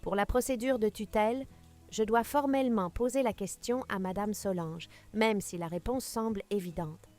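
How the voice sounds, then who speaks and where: A woman voicing a serious, upright male notary who speaks in a formal, measured way. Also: mid-range voice, darkish tone, soft background music, close to an everyday voice.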